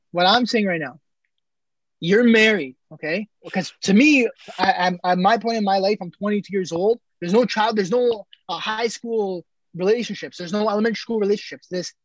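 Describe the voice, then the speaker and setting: A man's voice: high voice, normal speed, dry recording, dull audio. Twenties male podcast co-host, emphatic and repetitive in argument, dry close sound. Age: 20s. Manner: emphatic, repeats himself when arguing. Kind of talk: casual chat.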